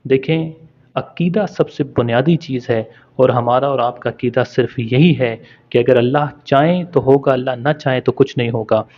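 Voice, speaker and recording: Guy teaching quran letter sounds, drags out each sound slow and patient, kinda dull lo-fi audio. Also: medium pitch. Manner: patient, stretches Arabic letter sounds for practice. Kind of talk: spoken lesson with drawn-out letter demonstrations. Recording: dull lo-fi recording.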